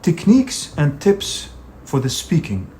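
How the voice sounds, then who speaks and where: A man's voice: fairly high pitch, wildly swooping pitch, a little slow, over music. A man teaching an English speaking exam lesson, talking in an emphatic, direct coaching manner with frequent "you know" fillers. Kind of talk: instructional video lesson.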